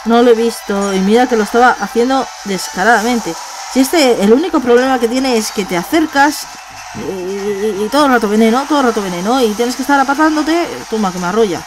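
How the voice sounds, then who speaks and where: A woman gamer with a Spain Spanish accent, giving let's play commentary; she gets excited, swears and repeats words. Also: on the high side, brisk, music in the background, low-quality recording.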